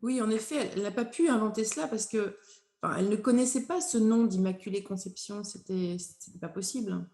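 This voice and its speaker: A woman hosts a podcast conversation, asking questions and summing up the story. Her voice is dark and mellow. The room sounds echoey. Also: mid-range voice, fairly quick. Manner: asks questions, recaps, comments. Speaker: podcast host. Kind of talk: conversational interview.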